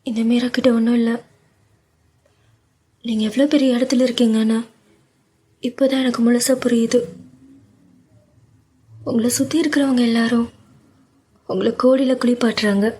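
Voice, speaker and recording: A woman's voice: fairly high pitch, flat delivery, normal speed, pauses often, a little mellow, slightly rough. A woman voicing a tearful young woman who feels unworthy, speaking in a choked, trembling voice in a storybook romance. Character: tearful young woman, humble and self-doubting.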